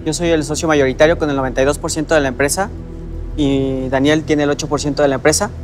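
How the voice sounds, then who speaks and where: Mexican founder explaining, higher voice. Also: male voice, steady tone, fast, soft background music. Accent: Mexican Spanish. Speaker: entrepreneur pitching a business. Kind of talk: business pitch on TV.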